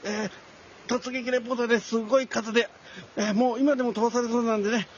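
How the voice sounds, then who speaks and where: A man's voice: very high voice, little pitch movement, fast, highs cut off, slight background noise. A man playing a frantic, flustered typhoon reporter in a comedy skit, delivering a breathless live report and repeating himself. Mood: earnest, flustered.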